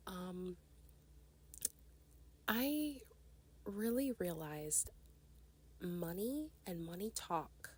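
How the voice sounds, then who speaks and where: A woman's voice: on the low side, darkish tone, slightly rough. A woman in her twenties hosting a casual solo podcast, sounding nasal and congested from a cold, chatty and rambling. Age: 20s. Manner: chatty, rambling, with fillers and laughs. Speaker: podcast host.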